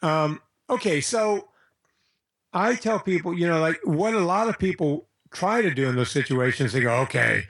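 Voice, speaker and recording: American man, somewhat high pitch, blunt informal delivery, casual advice-giving guest. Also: lively intonation, normal speed, breathy edge.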